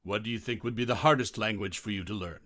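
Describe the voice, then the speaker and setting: A man's voice: on the low side, quick pace, fairly bright tone, dry recording, clean studio sound. A man playing an examiner, asking test questions in a formal, instructional way. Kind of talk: scripted mock exam questions.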